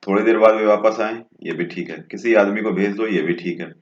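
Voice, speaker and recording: A man's voice: fairly low pitch, fairly even intonation, fairly quick. A man working through exam questions as a tutor, going step by step and often checking in with a short "okay". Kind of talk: exam answer walkthrough. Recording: dull, echoey room sound.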